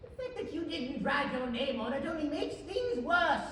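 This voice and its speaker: A woman's voice: sits high, sing-song, moderate pace, fairly bright tone, a little hiss or hum. A young woman playing a pompous, mocking royal at a trial in a school stage play. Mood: stern. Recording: echoey hall from far off.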